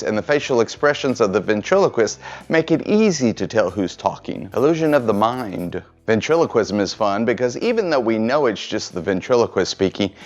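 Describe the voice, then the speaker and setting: A man's voice: fairly low pitch, dull audio. A man hosting an instructional video, narrating from a script in plain, encouraging explainer style. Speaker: host of tutorial videos for performers.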